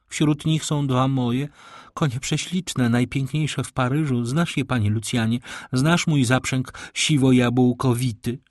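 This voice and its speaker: A man's voice: medium pitch, no echo, clean studio sound, pitched above the performer's own voice. A man putting on a haughty, capricious baroness. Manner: capricious, scornful, affected. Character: vain, haughty Parisian baroness, middle-aged. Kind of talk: audiobook reading.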